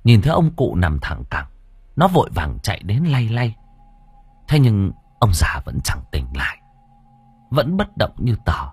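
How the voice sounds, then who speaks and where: A man narrating an audiobook story in a lively, expressive reading. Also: on the low side, a little slow, husky, no room sound.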